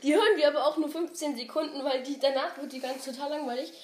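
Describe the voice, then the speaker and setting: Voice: sits high, fast talker. A female co-host of a laughing challenge, chatting casually in a slangy, giggly, teasing way. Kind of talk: casual joking reaction chat. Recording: noisy echoey room.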